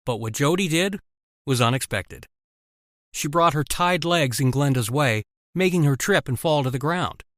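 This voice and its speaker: A man narrating an animated story in the first person, in a wry, conversational way. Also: on the high side, moderate pace, no room sound, studio quality.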